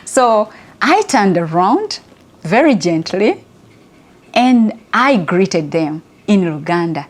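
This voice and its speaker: A middle-aged Ugandan woman speaks in a chatty, lively way, telling a personal story for an inspirational talk. She laughs easily. Her voice sits at a middle pitch. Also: takes it slowly.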